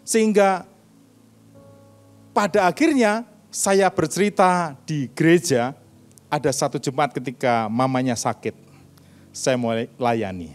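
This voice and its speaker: A man's voice: a little high, measured pace, pauses often, faint music behind. An older man preaching a sermon in church, telling personal stories and acting out the dialogue in them. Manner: animated storytelling, acts out dialogue. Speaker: pastor.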